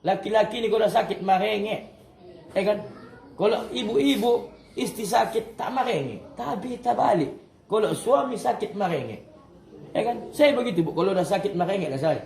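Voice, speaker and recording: A man's voice: high-pitched, lively intonation, brisk, gravelly, darkish tone, echoey room, rough recording. A man giving a religious study lecture to a group of women, joking, chuckling and often correcting himself mid-sentence. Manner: jokey, chuckling storyteller. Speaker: religious teacher.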